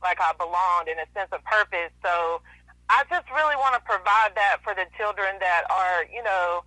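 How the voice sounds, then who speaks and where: Woman artist phone guest, very bright tense voice, chatty, filler-heavy. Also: mid-range voice, normal speed, dry recording, low-quality recording. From East Alabama / West Georgia. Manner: chatty, full of "you know" fillers. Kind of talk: phone interview. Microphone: telephone.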